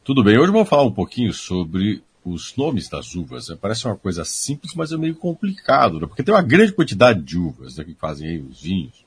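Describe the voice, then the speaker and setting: A man with a very low, heavily husky voice hosts a radio program. His pitch swings widely as he chats in a relaxed way and nudges his guest along. He sounds close to a studio microphone. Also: fairly quick, few pauses, dry recording. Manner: relaxed, prompting with short questions and "né". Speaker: radio show host. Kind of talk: casual radio chat.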